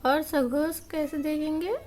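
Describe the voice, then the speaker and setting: A woman's voice: sits high, fairly even intonation, a little slow, a little mellow. A woman teaching a grammar lesson, explaining patiently and repeating each point step by step.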